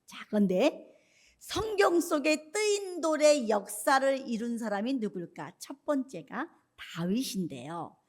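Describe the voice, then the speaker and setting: A woman pastor giving a lively sermon, often putting questions to the congregation. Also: sits high, unhurried.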